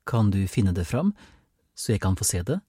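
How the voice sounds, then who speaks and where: A man's voice: lowish voice, very animated, warm tone, breathy edge, no room sound, studio quality. A man voicing a polite, matter-of-fact woman official from a collection agency in an audiobook.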